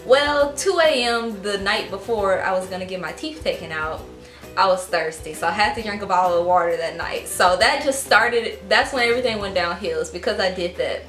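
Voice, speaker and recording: A woman's voice: mid-range voice, normal speed, a bit bright, roomy sound, soft background music. A young adult woman casually telling a personal story to her viewers, full of "like" and "um". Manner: chatty, lots of fillers like "like" and "um". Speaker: vlogger.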